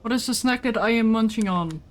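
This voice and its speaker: A woman's voice: fairly high pitch, a little fast. A woman chatting casually with a co-player while streaming a video game, rambling about food and snacking between sentences. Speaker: livestreamer. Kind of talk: casual chat while gaming.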